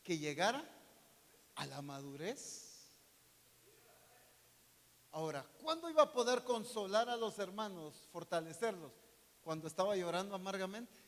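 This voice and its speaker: A male pastor preaching a sermon, asking the congregation questions and reading verses, swinging between loud emphasis and soft, slow phrases. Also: high voice, expressive. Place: church sanctuary. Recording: long hall reverb.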